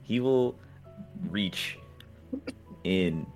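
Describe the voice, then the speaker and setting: A man with a very low voice playing his character in a tabletop game. He talks emphatically and swears freely. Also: lively intonation, very slow, faint music behind. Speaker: player.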